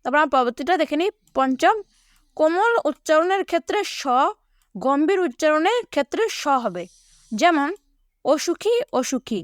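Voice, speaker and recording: High-voiced woman teaching a lesson. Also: very animated, no room sound, studio quality. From Bangladesh. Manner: explains slowly, repeating words and addressing students. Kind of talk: online lesson for schoolchildren.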